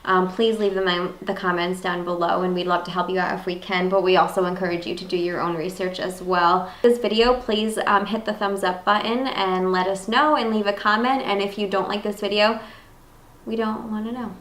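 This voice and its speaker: A woman's voice: fairly low pitch, fairly even intonation, a little fast, hardly any pauses, fairly bright tone. A woman co-hosting a vlog, closing out the video with teasing, joking chat. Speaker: vlog co-host. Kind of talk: casual outro chat. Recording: echoey room, faint noise.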